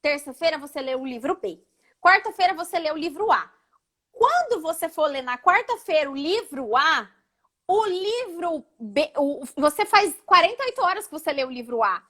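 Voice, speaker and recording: High-pitched female oratory coach, didactic, shows intonations as she teaches, on a video call. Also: big pitch swings, normal speed, bright, forceful tone. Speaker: oratory instructor, guest speaker. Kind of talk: live online talk, teaching.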